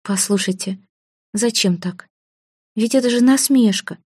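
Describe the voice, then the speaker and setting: A woman's voice: mid-range voice, a little slow, a little mellow, slightly rough, no echo, clean studio sound. A woman voicing a poor, proud young orphan woman who talks in a flustered, pleading way. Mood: hurt. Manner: pleading, flustered, self-deprecating.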